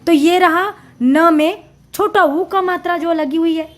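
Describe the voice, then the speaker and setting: A woman teacher explains a reading lesson to young children. She speaks very slowly and breaks each word into syllables before saying it whole with emphasis. Her voice is high and bright, and she stays patient throughout. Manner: slow, drawn-out syllables with emphatic repeats. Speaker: primary school Hindi teacher.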